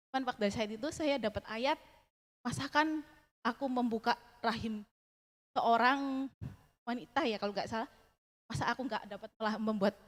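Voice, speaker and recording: A young woman giving a personal testimony at church, earnest and halting, with many fillers and restarts. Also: a little high. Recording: long reverb of a large hall.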